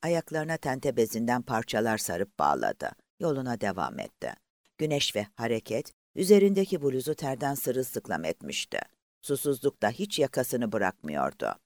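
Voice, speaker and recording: Expressive male audiobook narrator. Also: mid-range voice, no room sound, clean studio sound. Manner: measured, expressive storytelling. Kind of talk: scripted narration.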